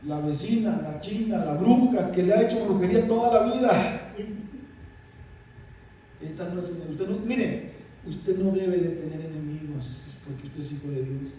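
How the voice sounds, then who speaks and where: Male pastor, very high voice, emphatic sermon, recorded from a distance in a reverberant church. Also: normal speed, mellow. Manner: emphatic, addresses the congregation as "iglesia". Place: church hall. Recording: echoey hall, distant mic, faint noise.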